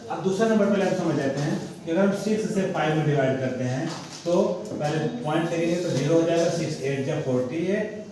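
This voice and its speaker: Guy teaching maths, keeps asking questions and answering them himself, a bit high voice, faint noise behind. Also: a little mellow. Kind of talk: classroom maths lesson. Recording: echoey room, mic far off, faint noise.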